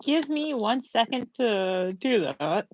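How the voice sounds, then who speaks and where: A woman player in a tabletop game on a voice call, playful and quick to cheer. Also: fairly high pitch, expressive, no echo, muffled recording. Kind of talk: casual tabletop game chat. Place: online voice call.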